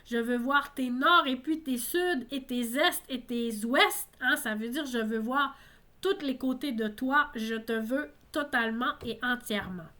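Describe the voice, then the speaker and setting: A woman's voice: high-pitched, a little slow, sharp tone. A woman teaching a song lesson, explaining lyrics patiently and often adding "hein". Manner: explanatory, frequent tag "hein". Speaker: French teacher.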